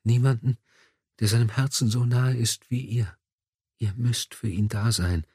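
A man's voice: mid-range voice, unhurried, a little mellow, breathy edge, no room sound, studio quality. A man whispering as a feverish dying noblewoman. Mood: urgent whisper. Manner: breathless whisper. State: feverish, weak. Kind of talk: audiobook dialogue.

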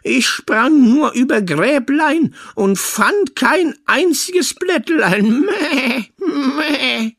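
A man voicing a plaintive, sly she-goat in a storybook reading, with a high, drawn-out bleating voice. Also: animated, fairly bright tone, no room sound, studio quality, exaggerated voice.

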